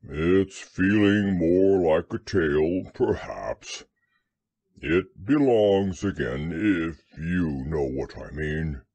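A man voicing a gloomy, resigned old male donkey in a storybook reading, talking in a slow, sighing, mournful drawl. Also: low-pitched, darkish tone, husky, no echo, pitched below the performer's own voice, heavily acted. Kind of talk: storybook character voice.

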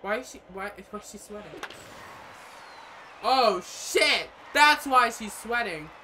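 A young man giving casual, profane commentary on his own gameplay from a small room, rambling and often breaking into loud yells. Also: sits high, animated, slow, a little hiss or hum. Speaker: gaming streamer.

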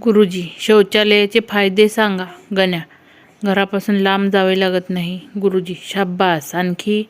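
A woman's voice: mid-range voice, flat delivery, measured pace, smooth. A woman reading out a string of short jokes, acting out each character's line in turn. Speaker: joke reader. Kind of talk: reading Marathi jokes aloud.

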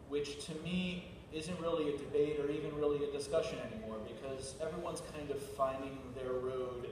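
A man speaking as a sommelier on a panel, thoughtful and rambling with many restarts. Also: mid-range voice. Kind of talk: panel discussion. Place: large glass-walled event hall. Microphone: far camera. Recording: echoey hall from far off, noisy.

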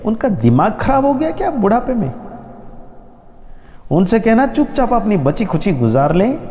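A man's voice: lively intonation, normal speed, warm tone, in a large hall, lightly acted. A man doing a threatening, rude son. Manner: threatening, raised pitch. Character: threatening grown second son.

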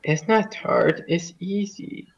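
A man's voice: high-pitched, slow pace, creaky, highs cut off. A man playing a co-op game, bantering and teasing in a contrary, joking way. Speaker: gamer. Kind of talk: co-op gameplay chat.

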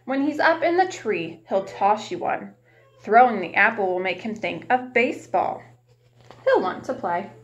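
A young woman reads a picture book to small children like a preschool teacher, warmly asking them questions and pausing as she goes. Her mid-range voice has lively intonation. She's captured on a webcam at arm's length in a small room at home, and the audio is muffled with a little hiss or hum.

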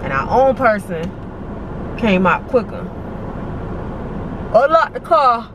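A woman's voice: a little high, big pitch swings, slow. Woman talking through a face mask. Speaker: vlogger. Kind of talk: casual storytelling to camera. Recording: noisy background.

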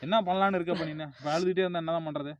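A man out on a road, loudly lecturing a crying friend, repeating himself as he scolds. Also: fairly high pitch, steady tone, very fast, no echo, highs cut off. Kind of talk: heated roadside scolding. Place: on a road outdoors.

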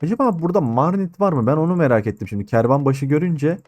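A man giving casual gameplay commentary, excitable, swearing at his soldiers and barking orders. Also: on the high side, quick pace, dry recording. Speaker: gaming YouTuber.

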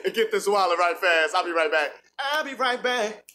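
Man acting as indecisive cartoon customer, stalling, repetitive, wheedling, lively pitch, noisy audio. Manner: hesitant, repetitive, drawn-out stalling. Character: indecisive, wheedling young male customer in cartoon burger joint. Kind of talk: improvised comedy cartoon voiceover, casual slang.

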